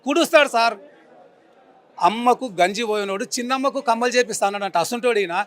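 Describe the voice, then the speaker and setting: A man in his forties with a Telangana Telugu accent speaks in a very high voice and talks fast. Stopped for a street interview as a member of the public, he rants angrily and emphatically, repeating his insults.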